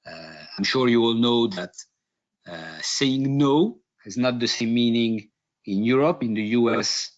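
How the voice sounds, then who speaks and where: A man from Hungary giving a business webinar presentation, halting, with many fillers and restarts. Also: on the low side, fairly bright tone. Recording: dull lo-fi webinar audio.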